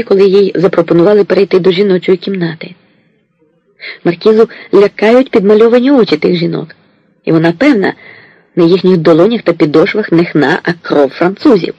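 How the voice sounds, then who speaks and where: A man narrating an audiobook in a steady, unhurried storytelling voice. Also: high voice, gravelly, breathy edge, no echo, muffled recording.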